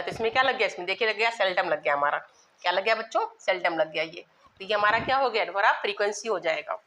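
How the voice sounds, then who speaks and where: A woman's voice: mid-range voice, a bit bright, rough recording. A woman teaching a grammar lesson to exam students, spelling out words letter by letter and repeating phrases as she asks and answers her own questions.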